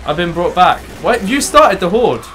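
A man gives excited, running gaming commentary as he steers his teammate around. His voice sits a touch high and rings bright and forceful. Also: moderate pace. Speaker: let's play co-host.

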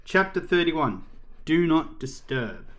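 A man reading a children's chapter book aloud as a storyteller, in a lively, expressive way. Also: fairly high pitch, slow.

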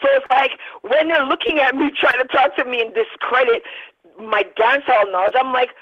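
Woman, thirties, very high voice, animated and emphatic, dull lo-fi sound. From Barbados. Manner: animated, emphatic, fast-flowing argument. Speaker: interview guest. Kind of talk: radio interview chat.

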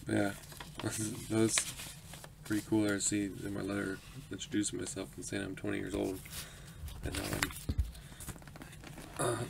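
A twenties man who hosts an autograph collecting channel opens his mail for a home vlog, chatty and upbeat, laughing often and saying um a lot. His voice sits on the low side and stays monotone at a normal speed, with vocal fry and long pauses. It's a noisy home recording made indoors in a small room.

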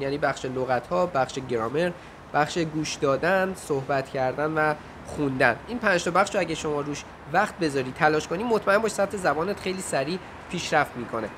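A man's voice: a little high, slight background noise. A man giving informal, direct study advice to his viewers in a casual vlog.

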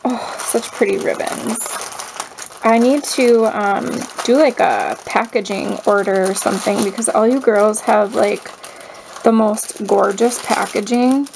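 A woman in her thirties chatting through an unboxing, slow and drawn out, with a gravelly fry to her voice. She gasps and gushes over each little gift, and faint noise sits under the recording. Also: medium pitch. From United States. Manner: gushing, gasping, lots of "oh my gosh"; slow, drawn-out speech with soft breathy asides. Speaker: crafter unboxing a mail swap. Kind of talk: casual unboxing vlog.

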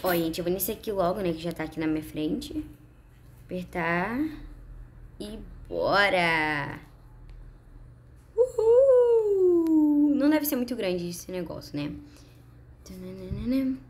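A woman with a Brazilian Portuguese accent giving chatty, excited gameplay commentary to her viewers. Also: lowish voice, a little slow. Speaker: gaming YouTuber.

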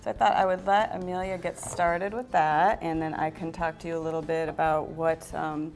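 A woman's voice: sits low, little pitch movement, moderate pace, darkish tone, faint music behind. A middle-aged woman, a restaurant owner, explaining a menu on a TV cooking segment with a hesitant, earnest manner. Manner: hesitant, lots of ums, earnest. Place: indoor TV studio kitchen set.

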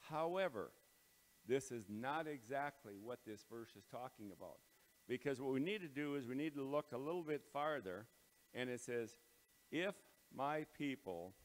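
A pastor's voice, a man of middle pitch, leads a casual devotional talk and prayer. He speaks in a plain, halting way, full of ums and uhs. Every word rings with big hall echo from a bare, empty auditorium under renovation. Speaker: pastor leading morning devotions.

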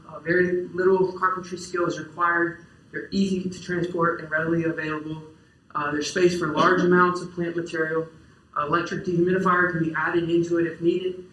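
A young man with a slightly high voice gives a conference talk about farm tools. His delivery is relaxed and unscripted, with frequent fillers and restarted phrases. The sound is picked up from out in the audience, so the lecture hall's echo is clearly audible. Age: young adult. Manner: casual, many fillers and restarts. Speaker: farmer giving a talk. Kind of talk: conference presentation. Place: lecture hall. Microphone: distant camera in the audience. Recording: roomy lecture hall echo.

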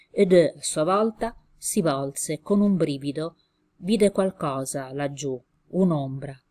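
A woman with a low voice reads a story aloud at a measured pace. She makes small slips and corrects herself as she goes. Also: darkish tone. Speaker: reader.

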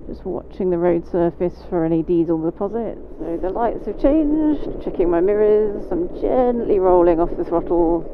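With a fairly low-pitched voice and a British English accent, a woman instructor keeps up calm, steady commentary on each step of riding as she travels on a motorcycle through rain and wet roads. Her helmet mic sounds phone-like, with road and engine noise in the background.

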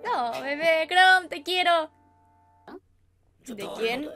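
A young woman with a Chilean accent, high and bright in pitch, reacts to an episode as she watches. She chats casually to her viewers, gasping and squealing at big moments, and the show's music plays clearly underneath. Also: very slow. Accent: Chilean Spanish. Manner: excitable, gasps, squeals and chatters to viewers. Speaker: anime reaction channel host. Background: anime episode audio and music.

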